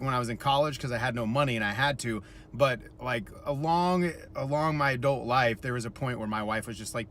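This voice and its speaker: A man in his thirties telling a self-deprecating story in a casual vlog, chatty and animated when he quotes people. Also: mid-range voice, a little hiss or hum. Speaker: musician vlogger.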